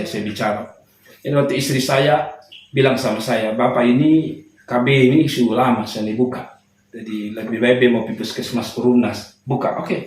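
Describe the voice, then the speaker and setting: A young adult man preaching as a pastor tells a humorous personal story and laughs at his own jokes. His medium-pitched voice comes from far off in an echoey hall, with slight background noise.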